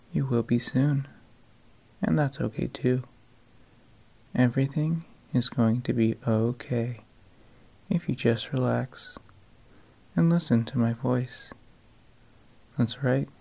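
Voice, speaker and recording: Slow, whispery man speaking right into the ear. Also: medium pitch, vocal fry, husky. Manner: soft, close-to-the-ear delivery, often dropping to a whisper; slow, soothing, drawn-out phrasing with pauses. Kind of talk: scripted hypnosis-style relaxation audio.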